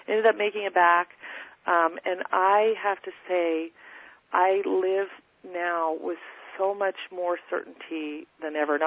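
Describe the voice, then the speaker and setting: A woman's voice: on the low side, no echo. Earnest woman on a tinny phone line. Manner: earnest, halting, many restarts and fillers. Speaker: podcast guest. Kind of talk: casual storytelling.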